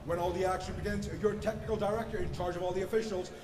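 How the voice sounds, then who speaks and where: A middle-aged man working as a ring announcer, introducing a bout grandly with booming, theatrical, stretched words. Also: steady tone, fast talker, background noise. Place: boxing ring in an indoor arena. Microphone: handheld microphone. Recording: echoey arena PA with long reverb.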